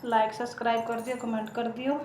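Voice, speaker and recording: A young woman vlogging casually from her hot home kitchen, hoarse and unwell, chatting and complaining straight to her viewers. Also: fairly high pitch, level tone, quick pace, a little mellow. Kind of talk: casual chat to camera. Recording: echoey room, faint noise.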